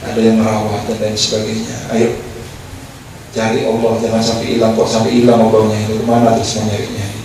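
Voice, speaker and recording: A man's voice: mid-range voice, dark tone. A man preaching a sermon to a gathered crowd, urging them on and checking that they understand. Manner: exhorting, asks the crowd "paham ya?". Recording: very echoey, far from the mic, with noise.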